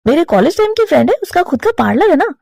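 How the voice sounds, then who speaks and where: A woman voicing a flustered young male crow husband, defensive and quick to explain himself. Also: very high-pitched, sing-song, creaky, darkish tone, heavily acted.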